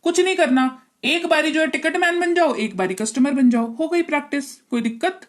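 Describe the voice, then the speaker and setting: Slow, deliberate Indian woman teacher. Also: high-pitched. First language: Hindi. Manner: slow, deliberate, keeps checking understanding; acts out dialogue lines slowly. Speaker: English teacher. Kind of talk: bilingual classroom lesson, explaining slowly.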